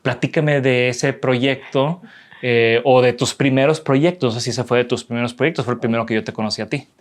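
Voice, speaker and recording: A man hosting a podcast interview, talking in a relaxed, rambling way and often tagging his sentences with a question. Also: medium pitch, brisk. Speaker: podcast host. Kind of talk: casual interview conversation.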